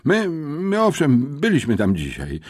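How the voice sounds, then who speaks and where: A man's voice: medium pitch, very animated, normal speed, darkish tone, husky, no room sound, clean studio sound, voice pushed up. A man reading an audiobook, voicing a frightened teenage boy who stammers and pleads that he is innocent. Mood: protesting.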